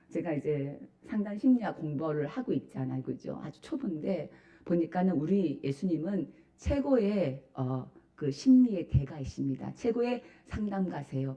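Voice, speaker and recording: A woman pastor delivers an emphatic Sunday sermon, often putting questions to her congregation. Her voice sits low and mellow but rises and falls widely as she preaches. The church recording sounds dull and lo-fi. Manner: asks the congregation rhetorical questions. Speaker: senior pastor. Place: church sanctuary.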